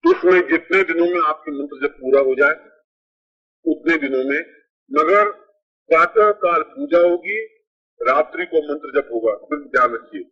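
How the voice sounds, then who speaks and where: A man's voice: a little high, normal speed, slightly rough. A spiritual teacher, a man, gives plain, methodical step-by-step ritual instructions, heard from an old worn tape. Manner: plain, methodical, repeats points for emphasis. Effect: old worn cassette tape. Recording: dull lo-fi 1980s tape recording.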